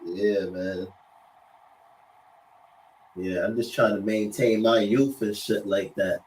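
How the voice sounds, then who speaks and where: A man's voice: on the low side, fairly even intonation, takes it slowly, darkish tone, slight background noise, poor audio. A man, rambling through casual slangy chat and often checking in with the listener. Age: late 30s.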